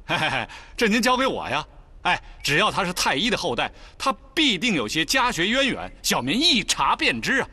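A sly chuckling quack doctor. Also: male voice, high-pitched, very animated, fairly quick, pushed and bright, breathy edge, no room sound, exaggerated voice. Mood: fawning. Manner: chuckling, fawning, evasive.

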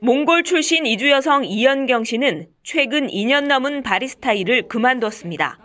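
Woman, news reporter, high voice, scripted report narration. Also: expressive, normal speed, a bit bright.

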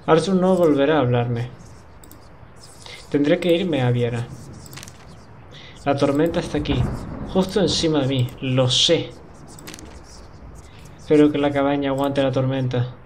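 A man's voice: mid-range voice, measured pace, pauses often, a little hiss or hum, natural voice. A man voicing an anxious young woman composer, frightened and pleading, in a video game.

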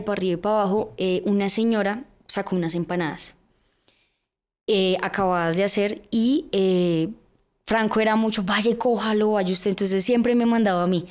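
A woman's voice: medium pitch, smooth. Young Colombian woman telling her story. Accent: Colombian Spanish. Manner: lively narration full of fillers, with acted-out quotes. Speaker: podcast guest. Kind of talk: personal storytelling in a podcast interview.

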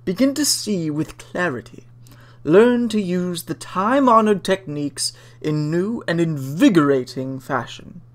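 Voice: mid-range voice, expressive, measured pace. A person giving a dramatic reading in a solemn, hammy stage-actor manner. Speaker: dramatic reader of a web page.

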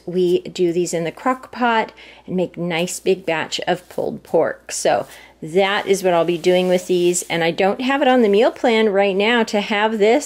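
Older woman, chatty homey grocery haul, filming at a home table. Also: medium pitch. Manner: chatty, homey, detailed about prices. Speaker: vlogger. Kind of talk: casual grocery haul narration.

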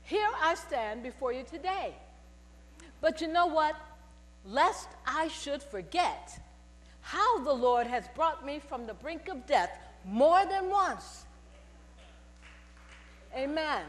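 An older woman in a purple robe takes her time with a spoken testimony at the pulpit, her high voice broken by long pauses. Her storytelling is animated and invites the congregation to call back, and the headset-mic recording carries long church reverb plus mains hum.

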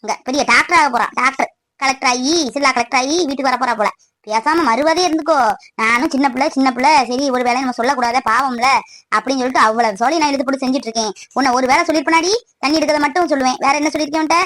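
Woman doing scolding village mother, high, quick, dry sound, cartoon. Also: a bit bright, no room sound. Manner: scolding, complaining.

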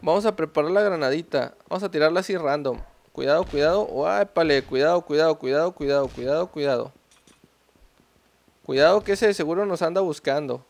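A young man with a Mexican Spanish accent giving casual, slangy commentary as he plays a mobile game, talking to himself and yelling when things explode. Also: on the high side, brisk, vocal fry. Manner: excitable, slangy, talks to himself while playing. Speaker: gameplay streamer. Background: faint game music.

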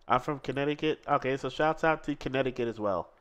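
Reading chat aloud and calling matches, this Seattle co-host of a fighting-game livestream speaks at a medium pitch. He gets excited easily and laughs often.

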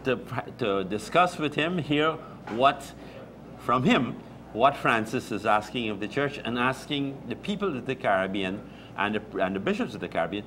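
A man, chatting as a guest at a breakfast table and often pausing and restarting his sentences. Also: mid-range voice, animated, a bit bright, a little hiss or hum. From Guyana. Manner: halting, many restarts and fillers. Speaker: deacon guest. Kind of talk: casual chat. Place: small room with table, indoors. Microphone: lapel.

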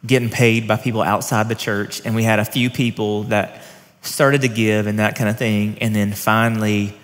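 A pastor in his thirties, with a lowish, fairly flat voice at a moderate pace, interviews a colleague in a friendly, informal way. He wears a headset mic on a church stage set with armchairs, and the large hall gives a long reverb.

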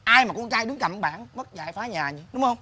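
A man playing a cheeky boy who mocks and eggs on his friend, talking in an animated, lively way. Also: sits high, a little fast, breathy edge, full character voice. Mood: egging on. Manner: animated and mocking. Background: music.

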